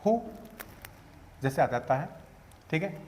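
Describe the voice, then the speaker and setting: A man teaching spoken English, explaining slowly and patiently and checking that students follow. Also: on the high side, animated, slight background noise. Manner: slow, patient explaining with checks like "theek hai?".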